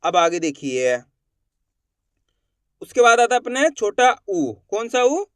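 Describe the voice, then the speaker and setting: A man with a very high, smooth, resonant voice teaches the Hindi alphabet. He asks a question, answers it himself, and stretches each vowel slowly and clearly. The recording is dry and close. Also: very animated, fairly bright tone, no room sound. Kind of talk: classroom lesson.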